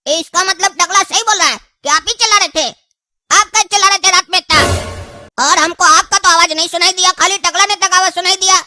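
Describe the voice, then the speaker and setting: A woman's voice: very high-pitched, fairly even intonation, fairly quick, no echo, soft background music, full character voice. A woman voicing a hot-tempered young son in a cartoon, hurling insults. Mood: indignant. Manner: rude, shouting insults. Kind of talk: cartoon dubbing.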